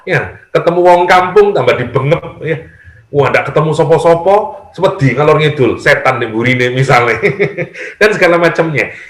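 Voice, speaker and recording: A middle-aged male preacher with a Javanese accent, speaking at a medium pitch in a casual teaching tone. He slips into acted-out voices of praying worshippers and breaks in with humor. The sound is roomy, with a clear echo around him. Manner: lively, acts out worshippers' prayers, mixes in humor. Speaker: Islamic preacher. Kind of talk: conversational religious lecture. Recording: echoey room.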